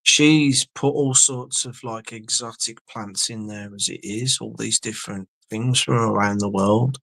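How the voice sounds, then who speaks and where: A man's voice: lowish voice, a little slow, vocal fry, a bit bright, dry recording. A man hosting a livestream, chatting casually with viewers in a rambling way, swearing and sometimes losing his words. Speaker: livestream host. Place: indoor home studio.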